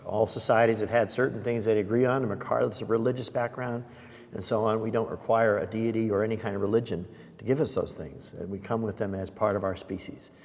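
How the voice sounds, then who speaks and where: A man's voice: on the low side, steady tone, big-room sound. Articulate scientist in his sixties. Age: 60s. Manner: measured, articulate arguer. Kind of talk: panel discussion.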